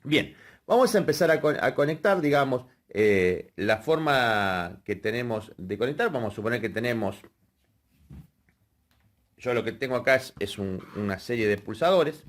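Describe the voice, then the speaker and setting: A man's voice: medium pitch, animated, normal speed. Man explaining wiring step by step. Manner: explanatory, checks in with frequent "¿sí?" and "fíjense". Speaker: electrical workshop instructor. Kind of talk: hands-on technical lesson.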